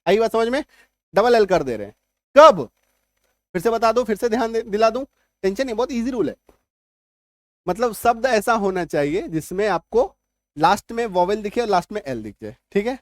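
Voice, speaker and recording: A man's voice: high-pitched, expressive, normal speed, long pauses, no echo. Repetitive, reassuring male English teacher. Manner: repetitive, reassuring, keeps checking understanding. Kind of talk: spoken lesson explaining spelling rules.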